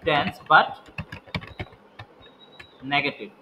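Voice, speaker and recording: A man's voice: a little high, extremely slow, narrow, tinny audio, background noise. A man teaching English grammar, explaining step by step and asking and answering his own questions. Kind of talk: spoken grammar lesson.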